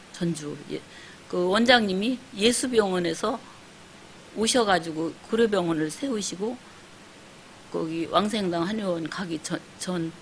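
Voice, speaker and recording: A woman in her sixties gives an emotional testimony at a church service in a fairly low voice. She tells her story earnestly, leans on fillers and acts out what others said. A faint hiss runs under the recording. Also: low-quality recording. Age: 60s. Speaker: pastor's wife giving testimony.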